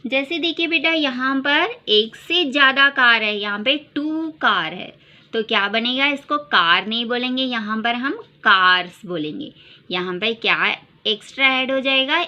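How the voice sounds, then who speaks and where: A woman's voice: fairly high pitch, lively intonation, a little slow, bright, forceful tone. A woman teaching English to young children, spelling words letter by letter in a sing-song way and repeating questions. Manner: repeats questions and calls the listener "beta". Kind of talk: classroom lesson for young children. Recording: dull lo-fi sound.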